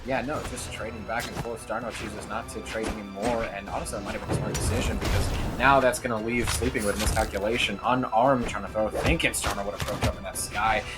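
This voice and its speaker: A man's voice: on the low side, steady tone, fast, hardly any pauses. Male fighting game announcer over music. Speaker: esports match commentator. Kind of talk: fighting game announcer, live play-by-play commentary. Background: music playing behind the voice.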